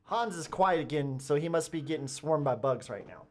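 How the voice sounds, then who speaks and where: A man's voice: on the high side, expressive, fairly quick. A man hosting a let's play, giving casual gameplay commentary in a playful way with stammering restarts.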